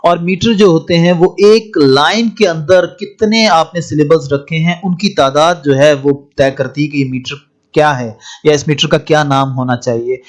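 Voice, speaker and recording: A man teaching a lesson, reading English lines slowly and then explaining them, politely addressing listeners as "janab". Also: fairly high pitch. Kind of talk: lecture on poetry.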